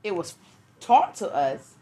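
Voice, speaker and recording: A woman's voice: mid-range voice, sing-song, slow pace, warm tone. A woman with a New York accent co-hosting a podcast, frank and profane, often cutting in with apologies. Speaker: podcast co-host. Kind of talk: casual chat.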